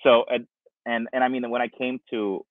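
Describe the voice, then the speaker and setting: A company founder in his forties, born in Russia, is a guest answering questions on a video call from a patio outdoors, wearing wireless earbuds. He speaks at medium pitch with a flat delivery and a moderate pace, and the audio is dry and thin like a phone, lacking any room sound. He rambles, with frequent fillers and restarts.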